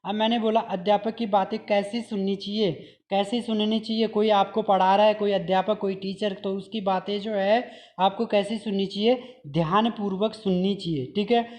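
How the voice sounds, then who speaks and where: A man's voice: high-pitched, fairly even intonation, moderate pace, a little mellow. A man teaching an exam-prep grammar lesson. He drills each point by asking his own questions, answering them, and repeating the examples. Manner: repeats examples and says "okay" often.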